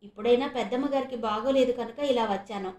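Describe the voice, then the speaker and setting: A woman's voice: a little high, fast talker, roomy sound, close to an everyday voice. A woman voicing a kind, reassuring young man. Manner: warm, reassuring.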